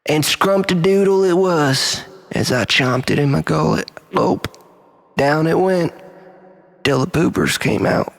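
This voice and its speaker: In a measured, high-leaning voice, a male monologist gives a brooding, theatrical spoken-word confession. His delivery is creaky and frequently drops toward breathy, almost whispered lines.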